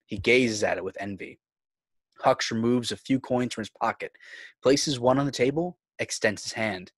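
A narrator with a medium-pitched voice reads screenplay scene headings and action lines in a scripted read. The audio comes through a video call and carries no room sound.

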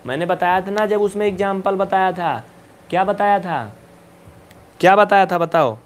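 A maths teacher runs a live online class on basic algebra, his voice pitched high for a man. Brisk and coaxing, he pushes students to answer fast and now and then scolds them in a playful way.

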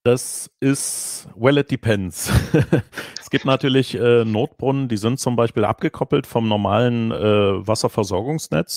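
A middle-aged man on a headset, answering questions at an online conference, animated but full of hesitations and restarts. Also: lowish voice, vocal fry, no echo, studio quality. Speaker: keynote speaker. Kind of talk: conference Q&A over video call.

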